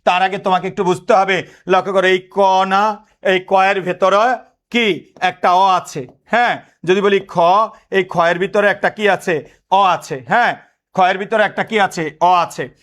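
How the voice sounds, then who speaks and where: Give me a high-voiced male tutor who keeps asking his class to repeat answers. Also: fairly even intonation, unhurried, fairly bright tone. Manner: drills students with repeated questions; code-switches into English words. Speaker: teacher. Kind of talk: exam-prep lesson.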